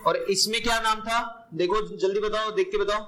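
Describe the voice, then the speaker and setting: Loud, high-voiced male biology teacher. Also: brisk. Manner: loud and energetic, often questions and praises students. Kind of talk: lively classroom lecture. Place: classroom. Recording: noisy classroom recording.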